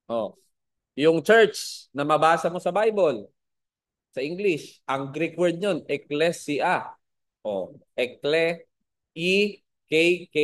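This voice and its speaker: A man teaching a Bible school lesson to a class, spelling out words and asking his students questions. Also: fairly high pitch.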